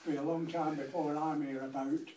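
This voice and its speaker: A man's voice: on the high side, flat delivery, a little fast, dark tone, slight background noise, lightly acted. An elderly man with a Lancashire accent voicing a haggling old man, coaxing and bargaining, recorded from a distance in an echoey room.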